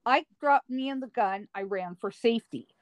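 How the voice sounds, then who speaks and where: A woman guest telling a personal story in an interview, slow and dramatic with drawn-out emphasis. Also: a little high, no echo, poor audio. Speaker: guest recounting paranormal experiences.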